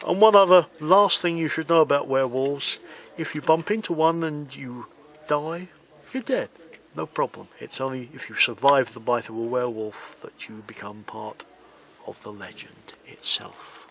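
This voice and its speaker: A man delivering card magician patter as spooky storytelling, with theatrical, deliberate phrasing and dry humour. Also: medium pitch, fairly bright tone, slight background noise, rough recording. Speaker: magician presenting a trick of the week.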